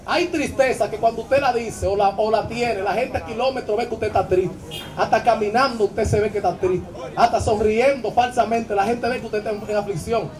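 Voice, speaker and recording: A man preaching an impassioned live sermon, shouting and chanting his exhortations in a sing-song way. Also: sits high, fairly even intonation, fairly quick. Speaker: evangelist preacher. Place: church service. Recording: live church audio with music and crowd. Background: music and congregation.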